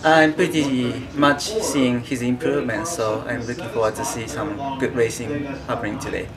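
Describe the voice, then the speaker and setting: A man's voice: medium pitch, steady tone, moderate pace, over loud music. A man in his forties, a team engineer, giving a careful update in a race garage. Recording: loud crowd behind.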